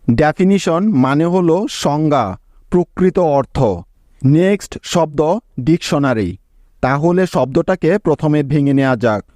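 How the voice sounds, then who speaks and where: A man's voice: fairly high pitch, measured pace, darkish tone, dry recording, studio quality. A man teaching an English spelling lesson, breaking each word into syllables and patiently checking that his students follow. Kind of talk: spelling lesson explained step by step.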